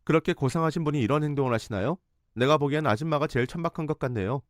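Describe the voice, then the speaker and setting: A man's voice: a little high, racing, dry recording, clean studio sound, voice pushed up, natural voice. A man voicing an indignant young woman nurse who speaks sharply and defiantly.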